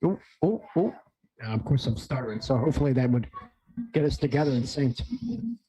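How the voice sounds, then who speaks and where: A man hosting a wrestling watch-along, excitable and rambling, often stumbling and correcting himself, amped up on coffee. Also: mid-range voice, a little fast, husky, low-quality recording. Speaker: stream host. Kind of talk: casual watch-along chat.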